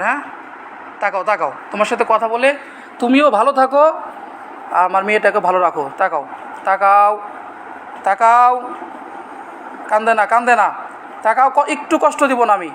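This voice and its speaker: A man leading an exorcism ritual, coaxing a patient to speak and shouting prayers and threats. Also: high-pitched, low-quality recording. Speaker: exorcist healer. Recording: loud background noise, live room.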